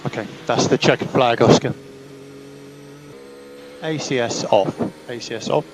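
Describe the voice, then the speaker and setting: Speaking a little slowly in a mid-range voice, a man working as a Formula One race engineer sends clipped, step-by-step instructions over the team radio. He tends to repeat them, and engine noise is loud in the background.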